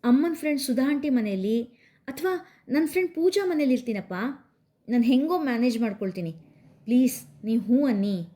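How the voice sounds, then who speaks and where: A woman's voice: high-pitched, lively intonation, fairly quick, warm tone, pitched above the performer's own voice. A woman voicing a headstrong young college woman who insists and pleads in a story reading. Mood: pleading. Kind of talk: storybook narration.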